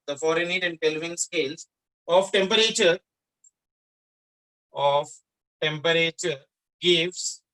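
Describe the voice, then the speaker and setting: Bright-voiced South Indian man teaching a class. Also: fairly high pitch, takes it slowly, pauses often, poor audio. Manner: repetitive, often checks in with questions. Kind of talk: interactive physics lesson.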